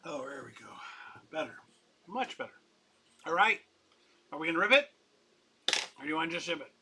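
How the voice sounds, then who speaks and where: A man's voice: on the high side, animated, fairly quick, sharp tone, a little hiss or hum, rough recording. A man running a casual live-stream comic auction, chatty and upbeat, rambling and laughing as he talks.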